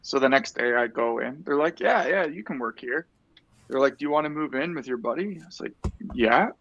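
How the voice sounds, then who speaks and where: A man, chatting casually and telling a relaxed, rambling story with the odd swear word. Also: medium pitch, brisk, creaky, highs cut off. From Ontario, Canada. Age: 30s. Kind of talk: casual chat.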